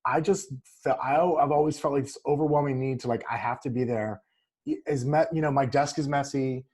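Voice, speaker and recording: A man hosting a podcast, asking questions in a relaxed, friendly way with frequent restarts. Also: mid-range voice, brisk, husky. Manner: easygoing, repeats and restarts, friendly. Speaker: podcast host. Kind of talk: casual interview.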